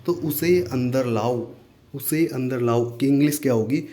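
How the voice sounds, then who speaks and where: A man teaching spoken English, repeating each phrase slowly and breaking it down word by word in a friendly, chatty way. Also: mid-range voice, dark tone, slight background noise. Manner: friendly, addresses viewers as friends.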